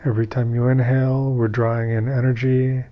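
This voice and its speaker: A male teacher leads a guided meditation at a medium pitch, speaking soothingly and without haste. Long pauses fall between his instructions, and the recording lacks its highs.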